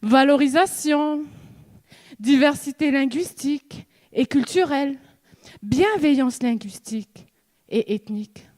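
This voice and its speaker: A young student from New Caledonia speaks in an eloquence contest, her delivery slow and measured with long dramatic pauses. Her voice sits high but sounds mellow and dark. She builds with rhetorical questions and repeated refrains. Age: young adult. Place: stage in a hall before an audience.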